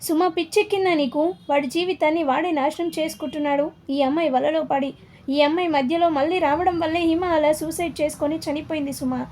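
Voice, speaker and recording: A woman's voice: high voice, fairly even intonation, brisk, darkish tone, a little hiss or hum, natural voice. A woman voicing a stern older man who heads the family, in a scolding, disbelieving way. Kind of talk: storybook dialogue reading.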